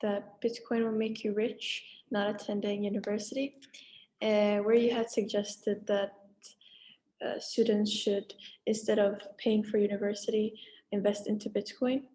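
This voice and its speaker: A young woman interviewing a guest, asking her question haltingly with many "uh" pauses. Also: mid-range voice, little pitch movement, warm tone.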